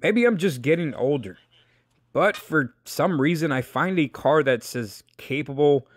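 Brash young male car vlogger, swears casually, light higher voice, dry studio-close mic. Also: lively intonation, a little slow, no room sound. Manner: brash, joking, swears freely. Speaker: car video host. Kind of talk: casual car review monologue.

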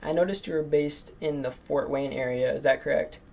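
A man's voice: on the high side, fairly even intonation, brisk, gravelly, darkish tone. A man in his late teens making sales cold calls and talking between them, nervous and full of fillers like "um" and "like". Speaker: marketing agency owner cold calling. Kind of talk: recorded cold calls and casual commentary.

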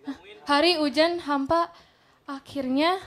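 A young woman taking part in a stage word game, thinking aloud in a playful, animated way. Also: high-pitched, slow. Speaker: game contestant. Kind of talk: playful live stage banter. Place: live theater stage. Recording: noisy live audience around.

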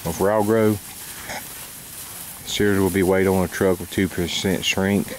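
A man describing cattle for a livestock sale, talking in a steady, matter-of-fact way, recorded outdoors on a camera mic. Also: low-pitched, unhurried, slight background noise, low-quality recording. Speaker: livestock auction presenter. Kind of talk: plain spoken sale description.

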